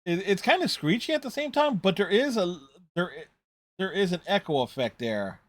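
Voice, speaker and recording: Higher-voiced man doing casual reaction commentary. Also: big pitch swings, normal speed, no echo. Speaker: reaction video host. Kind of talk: casual running commentary on a TV show.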